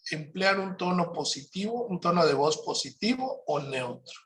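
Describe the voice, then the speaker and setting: A man with a somewhat high voice gives a parenting workshop. He explains each point in a calm, instructive tone. He often pauses to check in with his audience. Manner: checks in with listeners by asking "¿Sí?".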